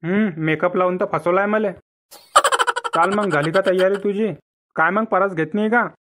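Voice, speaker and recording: A man's voice: high-pitched, moderate pace, fairly bright tone. A man voicing a cheeky village son-in-law. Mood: bickering. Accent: rural Vidarbha Marathi. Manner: bickering, stubborn and cheeky. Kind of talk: cartoon comedy voice acting.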